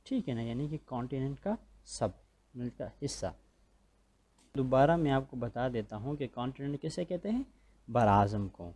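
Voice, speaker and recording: A man's voice: mid-range voice, lively intonation, a little mellow. A man with a Pakistani accent giving a recorded school lecture, patiently repeating points and checking that students follow. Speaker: school teacher.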